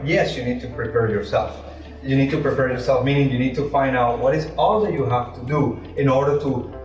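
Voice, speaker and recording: A man, an English speaker, answering interview questions as an entrepreneur in a halting, repetitive, explanatory way. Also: mid-range voice, a little mellow. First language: not English. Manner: halting, repeats words, explains with rhetorical questions. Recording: echoey room, distant mic, music.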